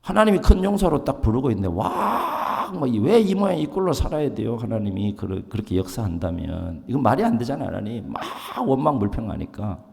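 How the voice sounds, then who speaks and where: Animated pastor preaching in a reverberant church. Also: male voice, medium pitch, a little fast, vocal fry, few pauses. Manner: animated, asks the congregation questions and acts out quotes. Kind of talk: sermon. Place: church sanctuary. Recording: long hall reverb.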